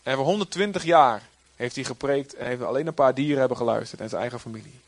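A man preaching a sermon in a lively way, sometimes acting out quoted figures in a raised voice. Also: medium pitch, fast, no room sound.

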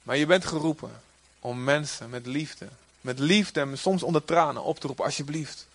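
A man preaching a sermon in a lively way, sometimes acting out quoted figures in a raised voice. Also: a little high, normal speed, no echo.

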